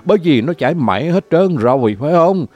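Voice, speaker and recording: A man's voice: on the high side, animated, a little fast, a little mellow, no room sound. A man with a Southern Vietnamese accent telling a comic story in a theatrical, lamenting way, full of exclamations.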